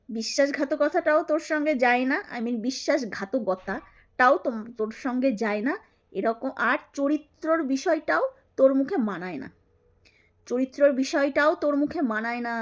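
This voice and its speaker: Brief: woman, 30s, high voice, mocking and scolding, hammers each point twice. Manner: taunting, scolding, repeats her jabs. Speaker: YouTube creator. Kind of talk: angry callout monologue to camera.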